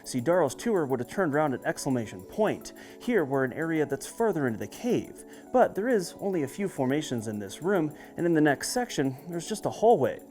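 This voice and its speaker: A man's voice: a little high, sing-song, fairly quick, hardly any pauses, darkish tone. A man working as a cave tour guide, narrating a guided tour on location and explaining the sights as he moves along. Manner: explanatory, presenting sights on the move. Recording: music behind the voice.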